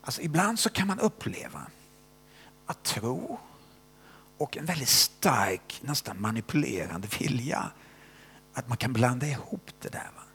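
A man preaching a sermon and telling a story, tagging his sentences with little questions and dropping between loud bursts and hushed asides. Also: medium pitch, very animated, gravelly, pauses often, slightly rough.

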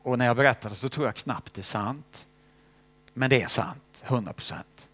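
A man's voice: medium pitch, a bit bright. A man preaching a sermon as a missionary, talking to the congregation in a conversational way and checking in with frequent tag questions.

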